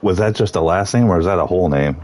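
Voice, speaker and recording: A man commentating live on a sim race, reading out the starting grid in a relaxed, joking way. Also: low-pitched, fast.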